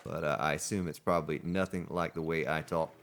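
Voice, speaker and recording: With a steady bass voice and a fairly quick delivery, a man narrates his game as a let's play host, chatty and cracking jokes at the on-screen characters. Background noise can be heard.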